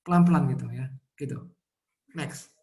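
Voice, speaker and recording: A man, a child psychologist, answers parents' questions in a relaxed webinar talk, explaining through everyday examples over a video call. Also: mid-range voice, moderate pace. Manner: easygoing, explains with everyday examples, often ends phrases with "gitu".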